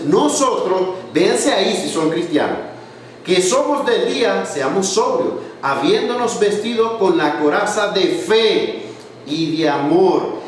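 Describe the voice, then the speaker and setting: A man preaching a sermon, reading scripture aloud and explaining it, asking questions for the congregation to answer. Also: high-pitched. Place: church hall. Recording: echoey hall, from far off, faint noise.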